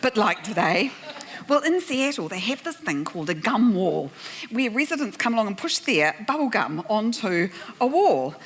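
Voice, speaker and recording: Her voice medium-pitched and a little breathy, with big pitch swings at a normal speed, a New Zealand-accented woman moderates a conference panel. She tells the plenary room audience a humorous story that pokes fun at herself, with frequent laughs.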